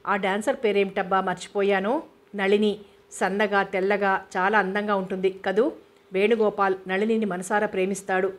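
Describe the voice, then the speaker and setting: A woman's voice: mid-range voice, level tone, normal speed, close to an everyday voice. Lalitha, a woman reading as an eager younger sister. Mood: chatty.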